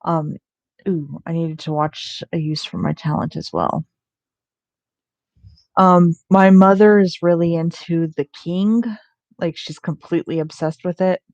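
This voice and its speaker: Young woman vlogger, unhurried meandering talk, slightly low voice, casual cursing. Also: steady tone, a little mellow, dry recording, lo-fi sound. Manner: rambling with many ums and restarts, casual swearing. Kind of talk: rambling casual chat about shows.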